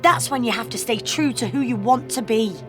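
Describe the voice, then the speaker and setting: A woman's voice: a little high, a little fast, fairly bright tone, lightly acted. A woman playing the Doctor, firm and earnest, music under her. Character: the Doctor, principled female time traveller. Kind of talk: audio drama acting. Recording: audio drama clip with music under it.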